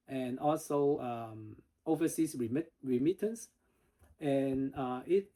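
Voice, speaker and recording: A man's voice: a little high, warm tone, poor audio. A man hosting an investing channel, giving casual market commentary straight to his viewers, his voice fading as he talks. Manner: direct, addresses viewers as "guys". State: losing his voice.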